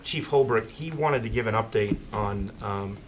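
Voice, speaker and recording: A man speaking informally and haltingly as a town official at a council meeting, rambling a little. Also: lowish voice. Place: indoor council meeting room. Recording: noisy meeting room microphone.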